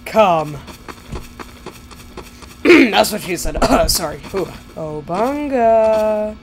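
A woman's voice: mid-range voice, expressive, a little slow, vocal fry. Jumpy young woman screaming through a horror game. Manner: jittery, bursts into frightened shrieks. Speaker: gamer. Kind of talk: horror gameplay commentary.

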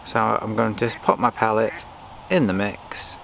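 Fairly low in pitch and touched with vocal fry, a man speaks at normal speed while vlogging his fishing on a lake bank, relaxed and chatty as he narrates each step. A camera on the bank ahead of him records it, with faint outdoor noise.

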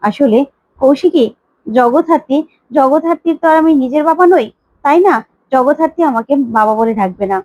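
A woman's voice: sits high, a little fast, pauses often, mellow, no room sound, dull audio, natural voice. A woman voicing an emotional older man who keeps pleading to be called father. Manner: pleading, repeats his plea.

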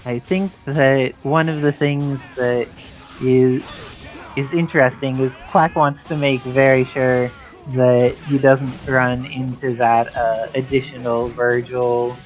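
Over game music, a man with a mid-range voice delivers explanatory, articulate live play-by-play of a fighting game as an esports commentator. His delivery is flat and slow, and the recording quality is low.

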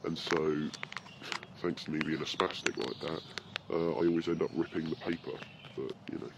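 A man's voice: rumbling low, steady tone, moderate pace, vocal fry, background noise. A British man hosting a casual podcast, rambling and swearing freely, with birdsong from the forest around him. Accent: British English. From Britain. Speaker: podcast host. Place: outdoors in a forest.

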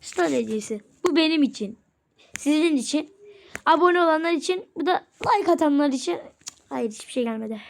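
High-pitched woman, casual game commentary host, excitable and taunting. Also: a little fast, creaky, a little hiss or hum. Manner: taunts opponents, chatty and excitable. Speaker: gaming channel host.

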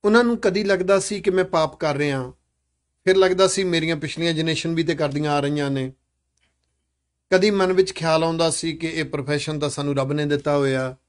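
A man leading a live classroom discussion with children, asking many questions and urging them to speak up. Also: a little high.

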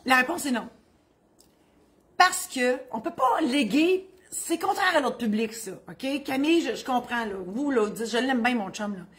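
A woman's voice: high-pitched, animated, moderate pace. A middle-aged woman with a Quebec French accent, a notary who gives legal advice in a chatty, joking, digressive way and explains things plainly. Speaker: notary answering legal questions. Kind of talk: humorous legal advice column.

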